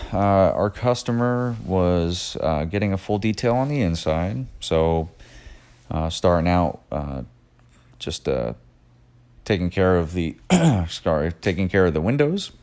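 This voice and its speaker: A man narrating a behind-the-scenes video of his detailing shop's work in a self-described monotone, with frequent "uh" fillers. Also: low-pitched, slow pace, pauses often, smooth. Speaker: detailing shop owner narrating. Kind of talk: voice-over narration of work footage.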